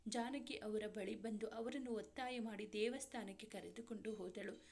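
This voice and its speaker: A woman storyteller reading a serialized romance story aloud in steady, dramatic narration. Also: medium pitch.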